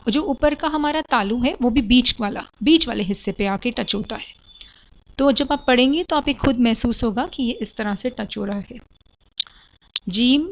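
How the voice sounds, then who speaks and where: A woman's voice: on the high side, poor audio. A woman teaching Quran letter pronunciation, explaining patiently and drawing out letter sounds for learners to copy. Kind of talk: slow, explanatory lesson, switching between Hindi-Urdu and English.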